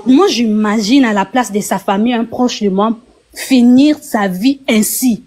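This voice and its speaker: A woman from Kinshasa joins a live-stream debate as a guest, her fairly high voice trembling with emotion. She talks insistently and keeps apologizing as she makes her point. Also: unhurried, darkish tone. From DR Congo, Kinshasa.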